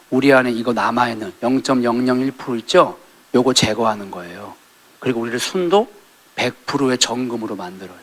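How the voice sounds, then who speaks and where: A middle-aged male pastor preaching a sermon in a church, acting out quoted lines and rising to loud peaks. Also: medium pitch. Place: church sanctuary.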